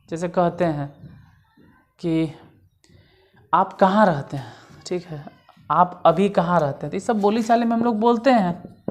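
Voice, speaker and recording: Woman, lower voice; informal grammar tutor who drills examples. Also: darkish tone. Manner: explains step by step, repeats examples. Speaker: English grammar teacher. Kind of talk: casual classroom lesson.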